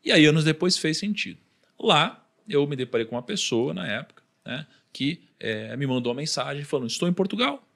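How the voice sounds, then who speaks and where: A man with a Brazilian accent tells a personal story as a podcast guest, his voice sitting a little high and swinging widely in pitch. He talks animatedly and acts out the voices of the people in his story. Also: expressive, fairly quick, vocal fry, a bit bright.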